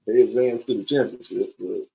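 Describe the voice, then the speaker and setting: Animated joking man in his forties. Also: on the low side, moderate pace, gravelly, rough recording. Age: 40s. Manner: animated, joking, repeats himself. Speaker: podcast host. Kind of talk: casual podcast banter.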